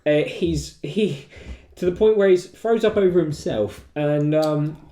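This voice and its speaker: A man's voice: a little high, a little slow, warm tone. A young man telling a casual anecdote among friends, rambling, stopping and starting and repeating himself. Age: young adult. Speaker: podcast co-host. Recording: roomy echo, faint noise.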